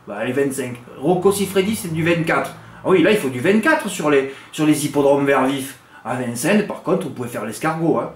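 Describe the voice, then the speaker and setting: A man giving horse racing tips in a casual monologue, joking crudely and swinging his voice up and down. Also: echoey room. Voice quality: has a noticeable accent others laugh at. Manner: animated, crude joking, big swings in pitch and loudness.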